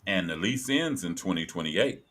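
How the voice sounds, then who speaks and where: A man's voice: deep voice, lively intonation, normal speed, a bit bright. A man hosting a casual sports talk show, chatting loosely and repeating phrases for emphasis. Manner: conversational, reads from an article, repeats phrases for emphasis. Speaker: sports podcast host.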